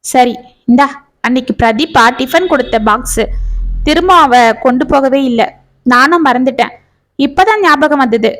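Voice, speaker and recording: A woman voicing a kind middle-aged man who calmly reassures a friend. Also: high-pitched, moderate pace, long pauses. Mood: concerned. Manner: gentle, calm, reassuring. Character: kind, steady middle-aged male neighbour.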